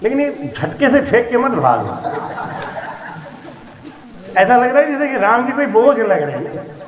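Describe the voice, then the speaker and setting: A man singing devotional verses in long, drawn-out lines and preaching at a night gathering through a handheld mic. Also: very high voice, roomy sound, highs cut off. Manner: slow drawn-out singing, then quick lively preaching to a crowd. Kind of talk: devotional singing and satsang sermon. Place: night gathering before a crowd.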